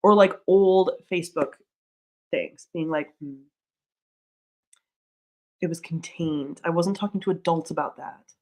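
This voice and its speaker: A woman in her thirties chats loosely on stream, rambling and stacking "like"s as she reads chat. Her voice sits a little low for a woman, picked up by a desk mic. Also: fairly even intonation, normal speed. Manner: chatty and rambling, many "like"s. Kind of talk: casual chat reading out chat.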